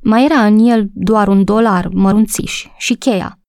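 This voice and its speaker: A woman's voice: darkish tone, no echo, lightly acted. A woman reading a storybook voices an agitated housewife close to tears, talking breathlessly. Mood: flustered. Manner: breathless, high-strung, tearful.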